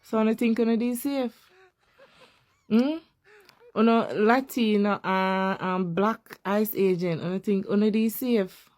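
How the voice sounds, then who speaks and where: A woman's voice: mid-range voice, slow, a little mellow. A woman chatting casually in an amused, teasing way as she reacts to a video. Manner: amused, teasing, laughs often. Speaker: reaction commentator.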